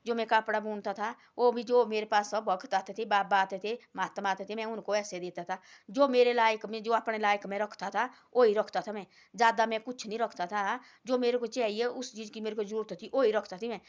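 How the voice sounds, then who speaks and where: A woman's voice: medium pitch, lightly acted. A woman voicing a humble, devout village weaver who speaks earnestly in a devotional story.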